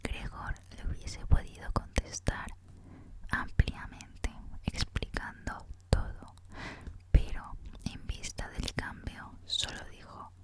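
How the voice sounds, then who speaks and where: Reading a book aloud for her reading series, a woman speaks in ASMR style. Her whisper is breathy and unvoiced, soft and unhurried.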